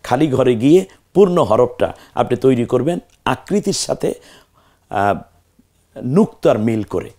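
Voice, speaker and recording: A man's voice: medium pitch, very animated, unhurried, pauses often, mellow. A man teaching a Quran reading lesson to viewers, patiently drilling letter names and praising them with religious phrases. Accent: Bangladeshi Bengali. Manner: speaks directly to viewer, frequent religious phrases. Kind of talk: step-by-step lesson on Arabic letters.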